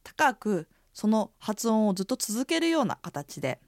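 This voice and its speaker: A woman's voice: moderate pace, no room sound, clean studio sound. A woman teaching a radio language lesson, explaining pronunciation with casual fillers. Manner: explanatory, uses fillers, lively pitch.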